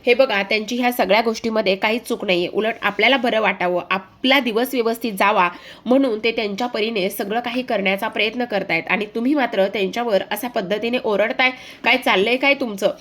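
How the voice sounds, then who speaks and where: A woman's voice: on the high side, a little fast, fairly bright tone. A woman voicing an indignant young woman who scolds her aunt for mistreating the staff.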